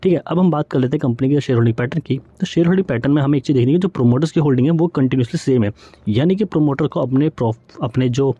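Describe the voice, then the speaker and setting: A man giving a brisk stock-chart walkthrough, often saying "theek hai" and mixing English terms into his speech. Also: medium pitch, warm tone, husky, muffled recording. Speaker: stock market educator. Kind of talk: fast screen-share chart walkthrough.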